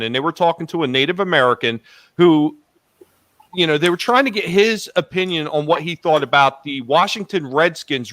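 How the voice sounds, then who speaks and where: A man's voice: on the high side, bright, forceful tone, no room sound. A man in casual group chat, ranting in a combative, profane way. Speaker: podcast panelist.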